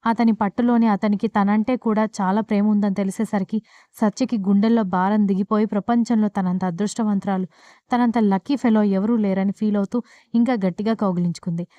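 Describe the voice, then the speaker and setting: A woman storyteller narrating a scripted audio story at a brisk clip. Her voice is dark and mellow. The recording is dry and sounds dull and lo-fi. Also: medium pitch, steady tone, dry recording.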